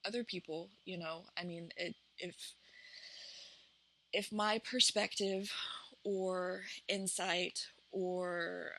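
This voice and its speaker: A woman with an Appalachian accent chatting casually and unscripted as a vlog host, in a halting, reflective, self-conscious way. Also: fairly low pitch, bright, forceful tone, poor audio. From Appalachian United States. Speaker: vlog host and small business owner. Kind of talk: casual, unscripted chat to camera.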